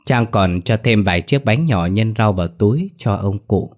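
A man narrating a comic audiobook story in a lively way. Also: lowish voice, normal speed. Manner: lively, switches between character voices.

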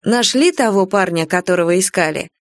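A woman's voice: medium pitch, lively intonation, fairly quick, no room sound, natural voice. A woman voicing a blunt, bold young café owner who talks in a plain, dry way.

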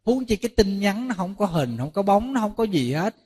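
A Buddhist monk preaches to a gathered audience in a fairly high voice. He tells lively stories and plays out both sides of conversations. He keeps turning to the listeners with rhetorical questions. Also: fairly quick, husky. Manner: lively storytelling, acting out dialogues with listeners. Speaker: Buddhist monk giving a dharma talk. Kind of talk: sermon to a lay audience.

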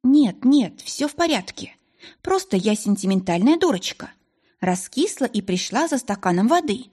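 Woman voicing a tearful young gentlewoman. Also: fairly high pitch, big pitch swings, moderate pace, slightly rough, pitched above the performer's own voice. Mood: distressed. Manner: emotional, pleading.

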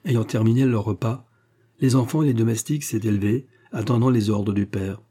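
Low husky guy reading an audiobook, steady and mellow. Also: fairly quick. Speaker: audiobook narrator. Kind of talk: scripted narration of a novel.

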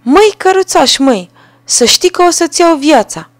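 Shrill taunting sparrow. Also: female voice, very animated, dry recording. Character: spiteful vengeful little sparrow, taunting.

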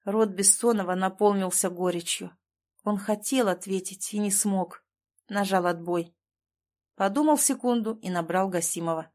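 A woman's voice: medium pitch, moderate pace, darkish tone. Woman narrating an audiobook. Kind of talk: scripted narration.

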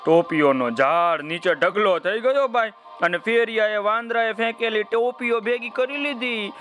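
A man's voice: high-pitched, moderate pace, soft background music. A man telling a folk tale to children, speaking directly to his young listeners. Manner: warm, addresses young listeners directly by name. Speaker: children's storyteller. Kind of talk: children's story narration.

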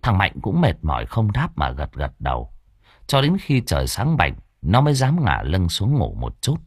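A man narrating a spooky audiobook in a low, slightly husky voice with lively rises and falls. The sound is dry and close, with faint music underneath. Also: moderate pace, no echo. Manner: dramatic, animated storytelling. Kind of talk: scripted story narration.

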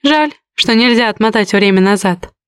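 A woman's voice: medium pitch, animated, normal speed, fairly bright tone, clear, resonant tone, no echo, clean studio sound, lightly acted. A woman voicing a bitter, hurt young heroine in an audiobook, speaking through clenched teeth. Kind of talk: audiobook reading.

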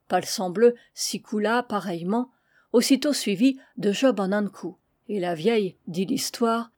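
A woman narrating a storybook with a lively, expressive reading style on a close mic. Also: mid-range voice, no echo. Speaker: audiobook reader.

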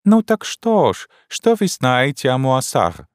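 A man's voice: wildly swooping pitch, slow, no room sound, studio quality. A man voicing an indignant eighty-two-year-old Frenchwoman who speaks broken, foreign-sounding grammar. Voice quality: high, shrill.

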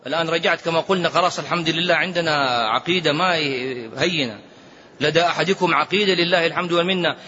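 High, bright-voiced man giving a lively religious talk. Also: fast, husky. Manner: lively, swings between raised and hushed tones, chants recitations. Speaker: sheikh giving religious rulings. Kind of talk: religious lecture. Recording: dull lo-fi recording with faint noise.

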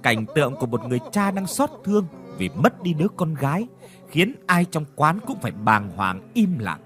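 A man's voice: fairly high pitch, sing-song, moderate pace, a bit bright, soft background music. A man narrating a horror story with dramatic delivery. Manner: dramatic, voices characters' cries.

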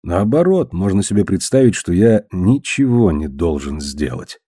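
Audiobook character: a soft-spoken, ironic man, read by a male narrator, low, dry. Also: big pitch swings, moderate pace, slightly rough, dry recording, exaggerated voice. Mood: calm. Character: calm ironic man, gentle, quietly menacing.

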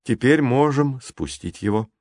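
A man's voice: mid-range voice, animated, unhurried, no room sound, studio quality, voice pushed up. A man voicing a determined boy adventurer. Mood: calm. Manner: determined, raised shouts.

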